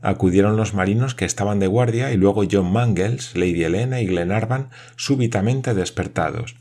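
A man narrating an audiobook in a steady, dramatic reading. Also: lowish voice, moderate pace.

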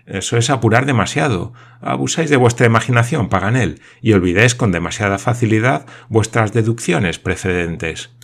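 A man's voice: deep voice, lively intonation, slow pace, few pauses, exaggerated voice. A man voicing a skeptical male army major in an audiobook, dry and doubting.

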